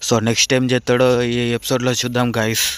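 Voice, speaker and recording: A male comedy channel host addresses viewers casually. He talks quickly in a flat, steady tone. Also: medium pitch, heavy background noise. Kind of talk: channel promo and recap.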